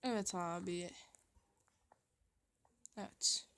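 A woman's voice: fairly low pitch, steady tone, drawn-out words, fairly bright tone. A woman giving running gameplay commentary, thinking aloud, talking straight to her viewers and muttering to herself in a flustered way. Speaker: gaming youtuber.

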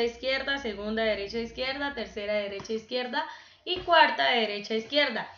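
A woman teacher giving an online class, speaking slowly and patiently and counting syllables aloud. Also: a little high, bright, forceful tone, roomy sound, muffled recording.

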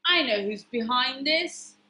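A woman voicing a heroic potato superhero in a children's storybook, announcing her lines slowly and emphatically. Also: sits high, lively intonation, sharp tone, heavily acted. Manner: slow, emphatic declarations.

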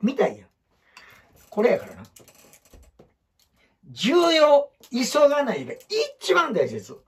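A man's voice: very high voice, huge pitch swings, takes it slowly. A man with an Osaka Kansai accent in a casual, blunt, rambling talk, explaining ideas with a whiteboard. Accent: Osaka Kansai dialect. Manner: blunt, rambling, acts out quotes in other voices. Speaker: photographer giving life advice.

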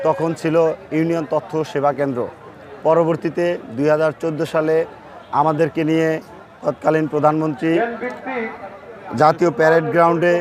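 A man speaking for a group of protesters, delivering a formal statement in short, measured phrases. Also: a little high. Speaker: protest spokesman. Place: outdoors at a street protest. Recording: outdoor recording with crowd noise. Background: crowd noise.

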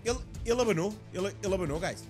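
Young Portuguese streamer, raised voice with a wide swing, excitable reaction commentary, faint music behind. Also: male voice, sits high, very fast. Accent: European Portuguese. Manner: excitable, swears, laughs a lot.

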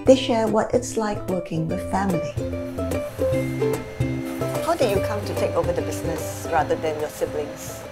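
A woman interviewer asking calm, crisp questions in voice-over. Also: lowish voice, moderate pace, pauses often. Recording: voice-over over loud music.

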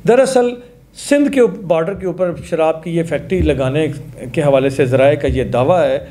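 A man's voice: fairly high pitch, warm tone. A man in his forties with a Pakistani Urdu accent, giving earnest news commentary to camera in a studio, making appeals.

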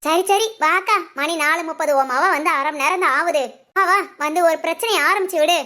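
A woman's voice: extremely high pitch, a little fast, sharp tone. A woman voicing a chatty, teasing village neighbor woman in a cartoon, speaking.

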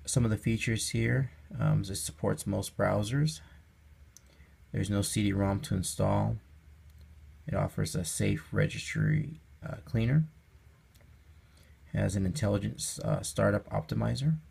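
A man with a husky, gravelly voice hosting a casual product review. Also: lowish voice, animated, unhurried, pauses often, a little mellow. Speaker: host of a budget product review channel.

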